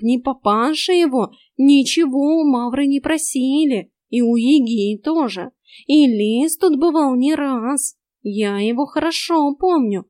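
A woman voicing a cheeky, sly male house cat in an audiobook, with a slow, smug, teasing delivery. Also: high voice, warm tone, no echo, studio quality, pitched above the performer's own voice.

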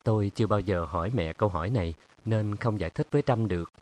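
A reserved, dreamy young male artist from an audiobook, read by a male narrator. He speaks mildly in a fairly low, plain voice and keeps his replies short and guarded. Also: fast, a little mellow, natural voice. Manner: guarded, mild, terse. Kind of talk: audiobook character reading.

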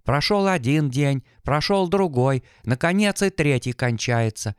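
A man narrating a classic novel in a measured, literary manner. His voice is smooth and clear, recorded close and dry. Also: fairly high pitch, animated, no room sound. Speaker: audiobook narrator. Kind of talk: scripted narration.

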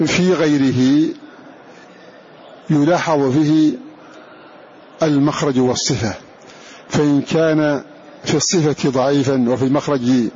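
A man teaching a Quran recitation lesson, who slowly repeats each example phrase and draws out its sounds. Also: a little high, darkish tone. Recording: dull lo-fi lecture recording with faint hiss.

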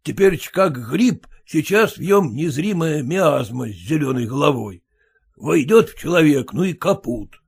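A man's voice: fairly high pitch, animated, a little slow, vocal fry, breathy edge, full character voice. A man voicing a fussy, self-important merchant husband who lectures and grumbles. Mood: grumbling. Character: pompous fussy merchant husband, fearful of typhus.

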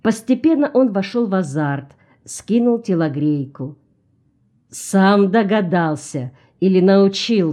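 A woman reading a novel aloud as narrator in a slow, even storytelling voice. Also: on the low side. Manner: slow, even storytelling, lifting her voice for excited characters.

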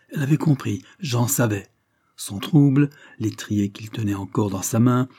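A man narrating a classic novel as an audiobook, in a steady, measured reading. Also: lowish voice, husky, no echo, clean studio sound.

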